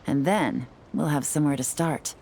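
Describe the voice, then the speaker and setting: A woman speaks in a low register as a cool, composed secret agent in a video game cutscene. Her delivery is calm and measured, carrying a quiet confidence, and there is slight background noise.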